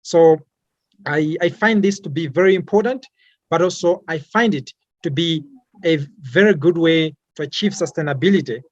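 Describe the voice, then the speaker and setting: A man's voice: a little high, normal speed, no room sound, dull audio. A young man from Malawi, an environmental activist, answering interview questions hesitantly, with many fillers and repeated words.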